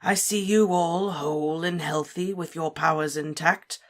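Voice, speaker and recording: A woman voicing a cold, cruel male dark wizard lord, speaking softly, slowly and with deliberate menace. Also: sits low, fairly even intonation. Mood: menacing. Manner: soft, menacing, slow and deliberate.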